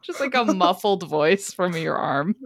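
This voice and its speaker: A woman's voice: on the low side, lively intonation, a little slow. A woman hosting a casual book-club podcast, chatty and often breaking into laughter mid-sentence. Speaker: podcast host.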